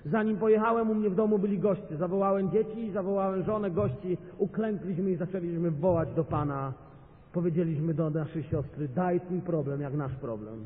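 A man preaching a sermon as a guest pastor, speaking with passion and building to loud, emphatic peaks. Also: high-pitched, fairly quick. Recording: tinny phone-like sound in a reverberant hall.

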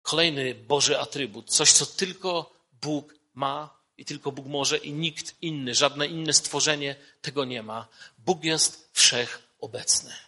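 A man preaching a sermon, lifting his voice when he quotes scripture and dropping low and soft on key points. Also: slow pace, slightly rough. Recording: long hall reverb.

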